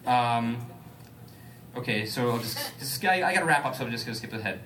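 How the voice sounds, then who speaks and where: A man's voice: mid-range voice, expressive, a little fast, a bit bright, a little hiss or hum. A man reading a story aloud for comedy and breaking off to joke and ad-lib. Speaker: comedic reader.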